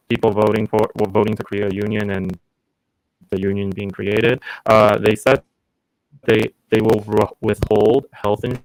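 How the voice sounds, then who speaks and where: A man's voice: fairly low pitch, clean tone, dry recording, rough recording. A man calling in to a show over a glitchy call line that keeps breaking up, asking his question hesitantly with many fillers and restarts. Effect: glitchy call audio, breaking up. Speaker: caller.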